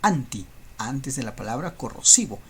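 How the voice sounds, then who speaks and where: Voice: medium pitch, sing-song, moderate pace, a little hiss or hum. Patient teacher walking through examples. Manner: patient, explains step by step with rhetorical tag questions. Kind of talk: recorded school lesson.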